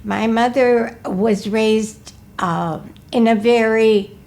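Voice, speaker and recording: Slow, gravelly elderly woman recalling. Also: fairly high pitch, steady tone, a little mellow. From Milwaukee, Wisconsin. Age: 80s. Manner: slow, careful, measured recollection, often asking to repeat. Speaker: interviewee. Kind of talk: recorded life-story interview.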